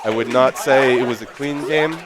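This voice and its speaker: A man giving analytical play-by-play on a match, breaking into excited shouts. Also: mid-range voice, normal speed, over a noisy crowd. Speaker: esports commentator. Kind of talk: play-by-play commentary.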